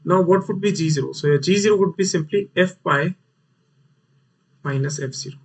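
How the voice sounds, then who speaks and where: Husky North Indian man teaching, slightly distant. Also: a little high, normal speed. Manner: repeats phrases for emphasis. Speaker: mathematics teacher. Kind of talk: live online lesson, explaining worked problems. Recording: voice sounds distant from mic.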